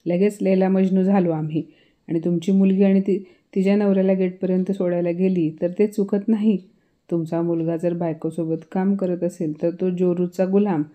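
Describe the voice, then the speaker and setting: A woman's voice: lowish voice, dark tone, close to an everyday voice. A woman voicing an outspoken young daughter-in-law who answers back pointedly in a storybook reading.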